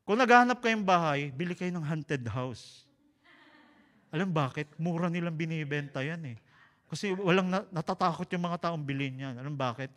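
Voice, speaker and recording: A man with a Filipino accent preaching a sermon, an animated, joking storyteller who slips between Tagalog and English. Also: a little high, long reverb tail.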